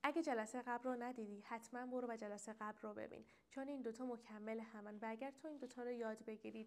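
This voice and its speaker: Young woman teaching with drawn-out examples. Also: a little high. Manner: addresses viewer directly, drawn-out example words. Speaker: English teacher. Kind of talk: casual video lesson.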